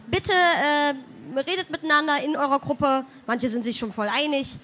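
A woman's voice: high voice, normal speed, fairly bright tone, a little hiss or hum. A woman hosting a poetry slam in a live venue, loose and self-ironic as she counts the scores. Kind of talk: casual stage hosting.

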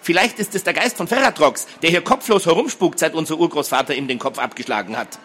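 A man's voice: fast, a little hiss or hum, natural voice. A man reading a fantasy story and voicing a jumpy, dramatic thirteen-year-old girl who is scared of ghosts. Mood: frightened shrill. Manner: shrill, anxious and excitable.

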